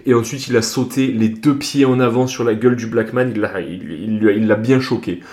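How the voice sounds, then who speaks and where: A man's voice: fairly low pitch, brisk. Slangy young man telling a story. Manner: slangy, animated, lots of fillers. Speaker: podcast host. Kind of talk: casual storytelling. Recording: roomy echo.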